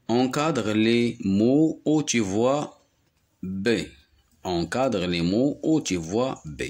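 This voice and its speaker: A man from Morocco with a Moroccan accent, teaching young children to read and repeating each word slowly, syllable by syllable. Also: mid-range voice, lively intonation, darkish tone. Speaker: primary school teacher. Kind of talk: slow, deliberate reading lesson for young children.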